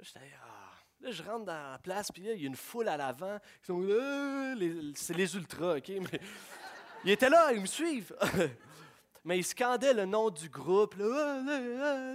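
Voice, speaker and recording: A young man preaching a sermon, telling stories in an animated way and slipping in English phrases. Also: high voice. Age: young adult.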